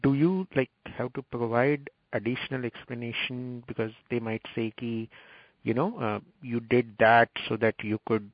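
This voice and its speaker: A man's voice: medium pitch, little pitch movement, moderate pace, dry recording. A man with a North Indian accent calling in with a question, polite and hesitant, slipping between English and Hindi. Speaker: caller. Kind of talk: casual question to an advisor. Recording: dull, dry phone call.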